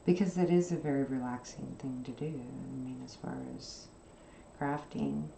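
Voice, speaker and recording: A woman hosting a craft channel, chatting casually and softly while she sews, rambling from one subject to the next with plenty of fillers. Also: rumbling low, moderate pace, vocal fry, roomy sound, a little hiss or hum. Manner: rambling, soft-spoken, with frequent fillers. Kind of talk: casual chat while sewing.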